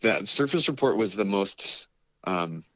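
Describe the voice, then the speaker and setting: A man's voice: lowish voice, animated, measured pace, fairly bright tone. A man talking casually as a musician guest in an interview, telling stories in a rambling way and acting out quoted dialogue.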